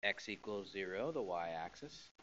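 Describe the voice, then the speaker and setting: A male math teacher recording his lecture notes, animated and repeating phrases for emphasis while tired and yawning. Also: deep voice, measured pace, a little hiss or hum. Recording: dull lo-fi classroom recording.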